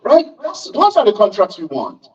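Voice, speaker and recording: A man on a town hall panel giving an impassioned speech, emphatic and rising to sharp outbursts. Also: high voice, huge pitch swings, moderate pace, breathy edge. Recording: distant, dull lo-fi sound.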